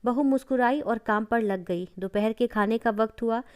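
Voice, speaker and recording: A woman tells a family story in a steady, scripted narration. Her voice is a touch high and sounds smooth and resonant. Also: normal speed.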